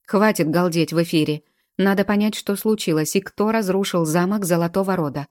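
A woman voicing a stern male leader who barks orders to silence the others, in a low, dark voice. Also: fairly quick, no echo, clean studio sound, close to an everyday voice. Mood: commanding. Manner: barking orders.

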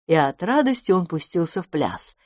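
A woman's voice: normal speed, no room sound, studio quality. Woman reading a children's story aloud. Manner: lively, shifts pitch for each character. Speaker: audiobook narrator.

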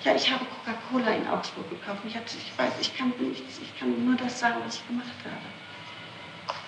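On a noisy, roomy 1960s archival interrogation tape made in an echoey room, a woman questioned as a suspect answers police defensively and insistently, repeating herself. Her voice is on the high side and creaky, with fairly even intonation at a normal speed.

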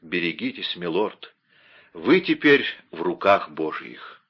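A stern, fanatical young officer who speaks in solemn, accusing tones, as a male reader puts him on. The voice sits fairly low, and the recording is dull and lo-fi. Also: very animated, slow pace, husky, exaggerated voice.

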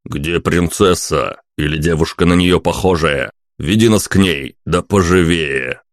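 A composed detective who stays even and courteous under pressure, as the narrator puts him on. The voice is low and deep, read close and dry in a storybook audiobook. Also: male voice, measured pace, no room sound. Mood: polite. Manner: calm, polite. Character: adult man, cool-headed and smoothly polite detective.

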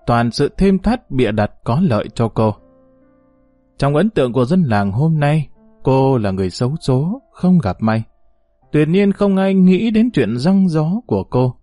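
A man narrating a novel as an audiobook, his warm, mellow voice moving lively up and down in pitch. The sound is close and dry, with faint instrumental music in the background. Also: no room sound. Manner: expressive storytelling reading.

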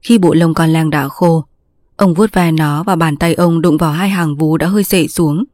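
A woman reads a story aloud in a steady, measured way. Her voice sits low. The sound is dry and close, with no room around it. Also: no room sound. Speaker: narrator. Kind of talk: scripted story narration.

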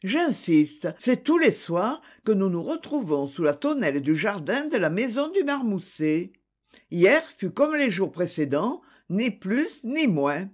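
A reader voicing Édith, a reserved young woman who answers questions in a hesitant, measured way. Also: mid-range voice, sing-song. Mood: guarded.

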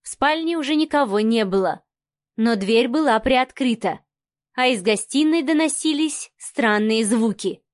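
A woman narrating a novel in a steady, expressive reading voice. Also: fairly high pitch, unhurried, no room sound, clean studio sound. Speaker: audiobook narrator. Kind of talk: scripted narration.

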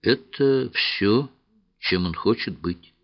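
A man reading as a calm, sad young woman, speaking softly. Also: on the low side, slow pace, muffled recording, voice pushed up, full character voice. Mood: hushed, earnest. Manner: soft, hushed delivery.

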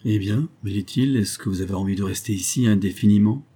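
A man reading the part of a weathered older boatman and former convict, low-voiced, humble and eager to serve. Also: fast, dark tone, slightly rough. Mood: earnest.

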